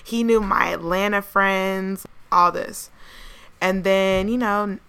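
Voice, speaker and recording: An American woman co-hosting a casual podcast, telling stories in a candid, slangy way, her voice hoarse with a smoker's rasp. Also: medium pitch, fairly even intonation, slow pace, a bit bright. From United States. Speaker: podcast co-host. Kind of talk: casual chat and storytelling.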